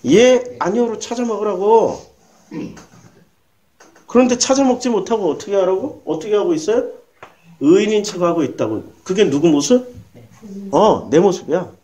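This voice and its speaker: A man's voice: high voice, lively intonation, normal speed, long pauses, warm tone. A man preaching a sermon as pastor, asking his listeners questions and answering them himself, and acting out short quoted lines.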